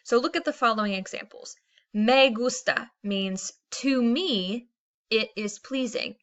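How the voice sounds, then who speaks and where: A woman's voice: fairly high pitch, a little slow, a bit bright, highs cut off. A woman teacher explaining grammar patiently in a recorded lesson, reading out Spanish examples.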